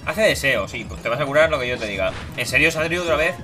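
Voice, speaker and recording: Game music plays behind a young gaming YouTuber as he does casual, playful Let's Play commentary. He talks fast and expressively, voicing the characters in silly high tones.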